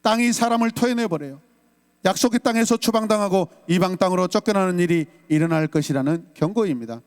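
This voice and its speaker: A man's voice: sits high, quick pace, clear, resonant tone, big-room sound. A man from South Korea preaching a Sunday sermon as pastor, emphatic and rousing, calling out lines for the congregation to repeat.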